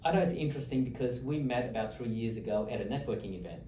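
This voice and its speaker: Host role: a talkative, friendly man interviewing a guest, with a mellow tone, recorded a little away from the mic. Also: mid-range voice, quick pace, slight background noise. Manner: friendly, talkative with frequent fillers and restarts. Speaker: host, lawyer. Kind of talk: interview chat. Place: office or meeting room in Australia. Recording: echoey room, mic at a distance.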